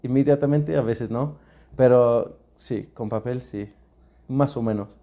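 A native English speaker from England co-hosts a podcast, chatting casually in halting learner's Spanish with English words slipped in and an English accent. His voice is medium-pitched with a dark tone.

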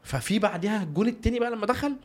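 A man's voice: high-pitched, lively intonation, racing. A man with an Egyptian Arabic accent, telling anecdotes as a footballer guest in an interview, acting out bits of dialogue as he goes. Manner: acts out dialogue and sound effects. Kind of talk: animated anecdotal interview talk.

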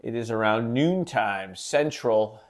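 Man rambling on his own podcast, chatty, lots of ums, normal middle pitch. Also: expressive, slow. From living in Kansas City. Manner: rambling, many fillers and restarts. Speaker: podcast host. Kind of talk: casual solo podcast talk.

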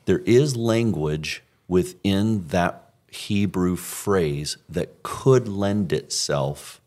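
A pastor casually talking over a recent sermon, thinking aloud with frequent restarts. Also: male voice, sits low, drawn-out words, a little mellow.

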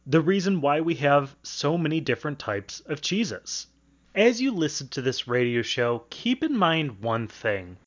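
Speaking with a fairly high pitch and cut-off highs, a young man hosting a student radio interview program reads a scripted intro before moving into a conversational interview.

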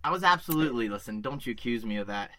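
A man's voice: medium pitch, lively intonation, rapid-fire, crowd noise. A man co-hosting a podcast, chatting casually and telling a rambling, self-deprecating story. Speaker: podcast co-host. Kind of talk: casual chat.

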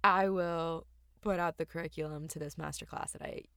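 A woman co-hosting a podcast in a playful, teasing way, laughing as she talks. Her voice sits a little low. She is recorded inside a walk-in closet, so the sound is close and completely dry. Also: steady tone, moderate pace, fairly bright tone, clean tone, no room sound. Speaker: podcast co-host. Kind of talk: casual podcast chat.

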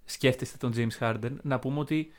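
A man co-hosting a podcast in casual basketball chat, easygoing and quick to agree. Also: medium pitch. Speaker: podcast co-host.

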